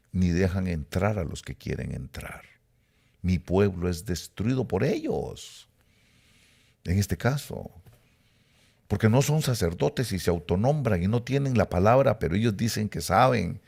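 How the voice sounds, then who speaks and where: The voice is that of a middle-aged Costa Rican man giving a sermon, pitched very deep with a gravelly rasp. He swells upward on the words he wants to stress and then settles into soft, low asides. As he teaches, his pace varies frequently.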